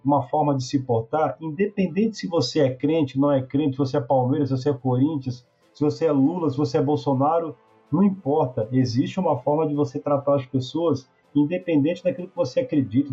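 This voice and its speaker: A man with a Brazilian accent talking casually, telling animated, slangy work stories full of asides. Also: a little high, slightly rough. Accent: Brazilian Portuguese. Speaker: podcast guest talking about trade work. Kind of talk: casual chat. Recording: muffled, slightly lo-fi sound.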